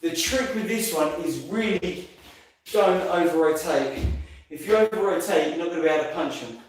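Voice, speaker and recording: A man's voice: on the high side, moderate pace. A man instructing a live martial arts class, giving clipped commands and counts between explanations. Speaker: karate instructor. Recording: very echoey room, far from mic, faint noise.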